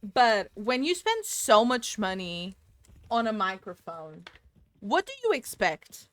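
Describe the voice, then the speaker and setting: Here a woman in a mid-range, sing-song voice speaks slowly on a dry recording. She's casually streaming a game from home into a desk microphone, chatty and rambling as she answers viewers' chat aloud.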